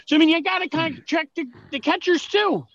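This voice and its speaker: A man with a high voice arguing sports in a casual podcast chat, pressing his points and often restarting his sentences. His sound is dull and lo-fi, with a dry, close feel. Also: fast talker, gravelly, a bit bright, dry recording. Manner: argumentative, explains with many restarts. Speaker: podcast co-host.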